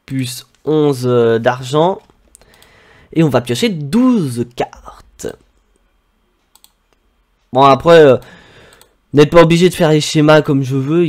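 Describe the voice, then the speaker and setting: A man giving relaxed, chatty commentary on his own gameplay, with frequent hesitations. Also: mid-range voice. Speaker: gaming YouTuber.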